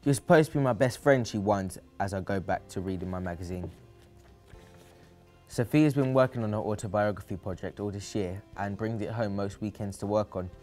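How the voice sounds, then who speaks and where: A man's voice: lowish voice, fairly even intonation, normal speed, warm tone, soft background music. A man reading a first-person story aloud in a dry, teasing storytelling manner. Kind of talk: first-person audiobook narration.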